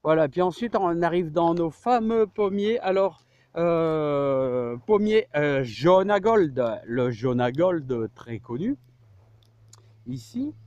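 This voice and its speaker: A man's voice: a little high, a little mellow. A middle-aged man giving a casual, enthusiastic garden tour outdoors, hesitant and rambling, often repeating himself and tacking on little tags. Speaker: amateur orchard owner showing his trees. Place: outdoors in an orchard.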